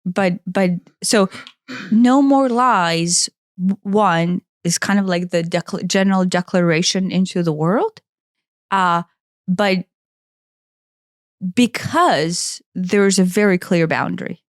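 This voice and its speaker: A woman co-hosting a casual spiritual podcast, talking in a loose, animated way with lots of fillers and little quoted voices. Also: fairly low pitch, slow pace, no room sound, studio quality. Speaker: podcast co-host.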